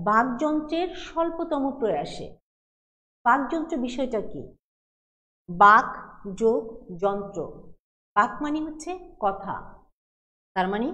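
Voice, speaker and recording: A woman's voice: high voice, lively intonation, moderate pace, pauses often. A middle-aged woman college teacher giving a patient classroom lecture, explaining step by step and asking questions she then answers. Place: classroom with a board. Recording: long hall reverb.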